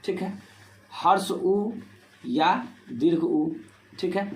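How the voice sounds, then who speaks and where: A man with a high, darkish voice teaches Hindi grammar for board exams, moving extremely slowly with lively intonation. He explains step by step, repeatedly posing rhetorical questions to himself and filling gaps with "ठीक है." The room is echoey, with faint noise in the background.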